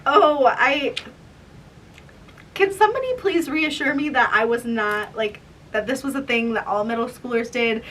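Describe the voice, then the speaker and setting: A woman in her twenties with a high voice talks in a casual vlog style. She sounds embarrassed and self-mocking as she reads aloud from her old writing. The mic is a little distant, with some faint noise around her. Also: lively intonation, normal speed, a bit bright. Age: 20s. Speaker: vlogger. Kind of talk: casual vlog chat, reading old diaries.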